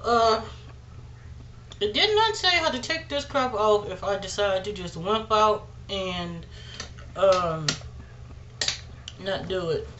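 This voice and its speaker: Lady talking slow through a dried-up face mask, chatty vlog, echoey room. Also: medium pitch, lively intonation, highs cut off, background noise. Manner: chatty, says y'all a lot, nervous giggles. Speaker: beauty vlogger. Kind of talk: casual chat to camera. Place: indoors at home.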